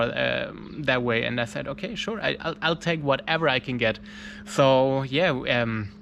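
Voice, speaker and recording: A German mountaineer vlogger, a native German speaker, tells a travel story in casual English, hunting for words with lots of restarts and fillers. His mid-range voice is fairly bright, with a little hiss or hum in the audio.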